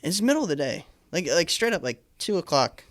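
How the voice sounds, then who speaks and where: A man's voice: a little high, big pitch swings, fairly quick, a bit bright. A man co-hosting a podcast, telling a story in casual chat, rambling with lots of fillers and restarts. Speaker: podcast co-host. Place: Tampa area.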